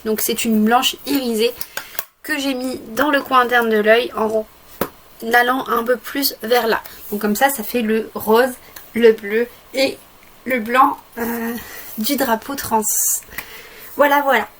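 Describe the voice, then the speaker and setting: A woman's voice: on the high side, steady tone, takes it slowly, fairly bright tone, slight background noise. A woman chatting through a casual makeup tutorial, hesitant with lots of fillers, a bit sick. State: sick, occasional coughing. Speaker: makeup vlogger.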